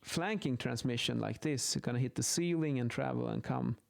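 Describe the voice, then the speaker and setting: This gravelly, mid-range male voice moves at a moderate pace. An acoustics teacher explains measurement techniques in a casual, off-the-cuff lesson while sketching, reasoning out loud and fixing his own mistakes.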